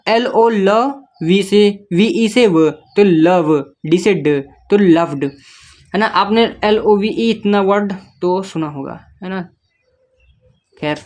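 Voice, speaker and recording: A man with a high, somewhat mellow voice teaches English reading to a beginner, step by step. He patiently spells each word out letter by letter, repeats himself often, and keeps checking in with the learner.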